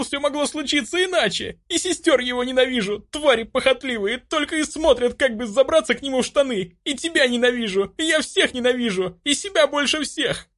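A man voicing a young noblewoman in an audiobook, distraught, shrill and near sobbing. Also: expressive, fairly quick, hardly any pauses, a bit bright. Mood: furious. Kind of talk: audiobook character voice.

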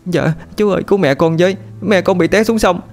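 A man's voice: high-pitched, brisk, vocal fry, darkish tone, faint music behind, pitched above the performer's own voice. A man voicing a terrified little girl who screams shrilly for help for her mother. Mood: begging.

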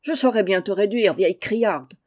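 A woman voicing a quarrelsome old peasant husband who shouts in rustic speech. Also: mid-range voice, lively intonation, normal speed, natural voice. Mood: angry shouting.

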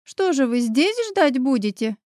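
A woman's voice: sits high, animated, unhurried, darkish tone, dry recording, clean studio sound. A woman voicing a bossy young female friend in an audiobook, talking in a snappy, commanding way. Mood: brisk, bossy. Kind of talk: audiobook character voice.

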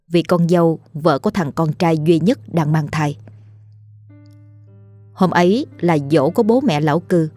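Female ghost-story narrator, low, dark and husky, hushed late-night delivery. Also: no room sound, studio quality.

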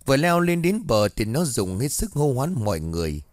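A man narrating a ghost story in a lively storytelling manner. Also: medium pitch, a little fast, dry recording.

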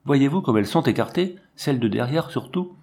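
An emphatic, exclamatory guide who grieves and frets while leading soldiers toward a lion, read by a man. He sits at an ordinary middle pitch and stays close to the narrator's own storybook voice. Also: lively intonation, a little fast, a little mellow. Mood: exclaiming.

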